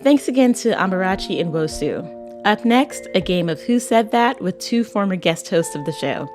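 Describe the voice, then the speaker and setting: A woman's voice: medium pitch, expressive, normal speed, music in the background. A woman from Barbados hosting a radio podcast, asking questions conversationally and reading upbeat scripted intros. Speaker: guest host.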